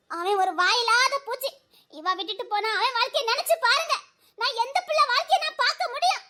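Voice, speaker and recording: A woman's voice: extremely high pitch, a bit bright. A woman voicing an anxious middle-aged mother in a cartoon, worried about family honor. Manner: worried, pleading.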